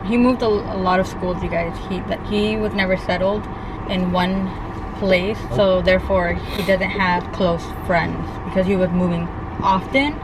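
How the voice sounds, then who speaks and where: A woman's voice: lowish voice, steady tone, unhurried. A young woman from California, telling a story in a chatty, rambling way for a couple's vlog. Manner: chatty, rambling, lots of likes and restarts. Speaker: vlogger co-host. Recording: outdoor traffic noise behind. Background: street and car noise.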